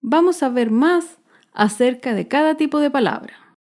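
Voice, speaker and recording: A woman teaching a basic grammar lesson, narrating slowly and carefully and stressing each syllable. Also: high voice, animated, darkish tone. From Chile. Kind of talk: slow, clearly spelled-out grammar lesson narration.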